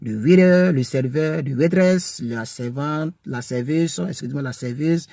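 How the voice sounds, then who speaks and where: A man's voice: on the high side, gravelly, warm tone, no echo. Man patiently drilling English words. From French-speaking country. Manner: repeats words slowly, drills pronunciation; chatty, hesitant with fillers. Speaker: English teacher for French speakers. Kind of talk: casual vocabulary lesson.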